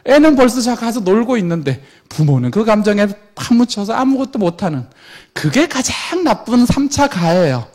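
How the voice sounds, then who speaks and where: A middle-aged man giving a lecture to parents, animated, acting out quoted parents and children. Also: sits high, normal speed.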